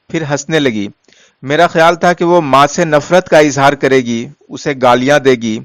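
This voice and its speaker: Measured male storyteller, dry close voice. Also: mid-range voice, no echo. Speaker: narrator. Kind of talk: scripted story narration.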